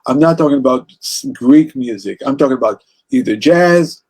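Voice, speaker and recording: A man's voice: mid-range voice, expressive, normal speed, a little mellow, husky. A man with an Israeli accent, speaking as an interview guest about music in a passionate, rambling way with many restarts. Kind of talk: casual interview conversation.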